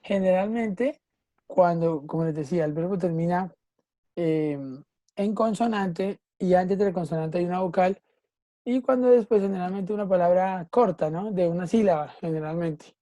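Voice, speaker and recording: A woman's voice: fairly low pitch, normal speed, mellow, dry recording. A woman teacher, patiently explaining a grammar rule in an online class and checking often that students follow. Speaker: English teacher.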